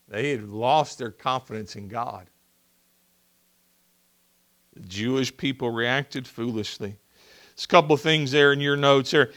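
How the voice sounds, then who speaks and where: A male pastor preaching a sermon, asking the congregation questions and acting out the voices of people in the story. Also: a little high. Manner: animated, asks the congregation questions and acts out voices. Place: church sanctuary.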